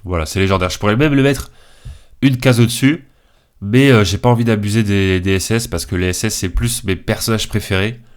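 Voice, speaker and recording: A young man, a video creator, talks in a lowish voice at a fairly quick clip. He's congested from a head cold and gives casual, slangy tier list commentary, sounding hesitant and informal.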